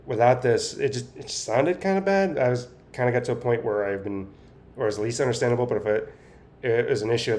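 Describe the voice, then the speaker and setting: A man giving a casual, halting personal update, with effortful, impaired articulation as he talks biting down on a straw held in his teeth. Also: mid-range voice, a little mellow. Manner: talking through clenched teeth, biting on a straw. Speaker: vlogger sharing speech progress.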